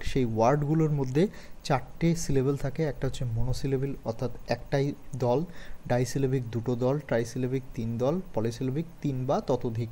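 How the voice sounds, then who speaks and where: A man with a mellow, warm voice and a Bengali accent teaches an online beginners' English lesson. He explains patiently, repeats key points and keeps checking that his students follow. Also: mid-range voice, slight background noise.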